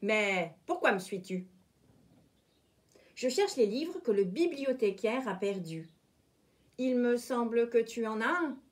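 A fussing, flustered storybook rabbit, always late, his voice pitched high and skipping up and down, as a woman reading aloud puts him on. He mutters in a hurry. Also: lively intonation, slow pace, long pauses.

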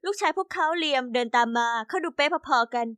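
A woman telling a first-person animated story in a chatty way, also voicing the other characters. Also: high-pitched, quick pace, dry recording, clean studio sound. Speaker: narrator.

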